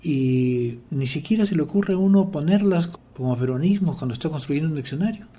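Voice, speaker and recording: Playfully explaining words on a language segment, a Peruvian man with a Peruvian Spanish accent speaks in a slightly high, mellow, expressive voice at a fairly quick clip. He acts out everyday quotes as he goes.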